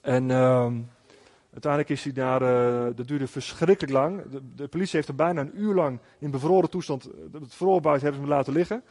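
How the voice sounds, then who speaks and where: A man's voice: medium pitch, fairly quick, darkish tone, in a large hall. A man preaching a sermon as a pastor, telling a personal story in an earnest way with frequent restarts.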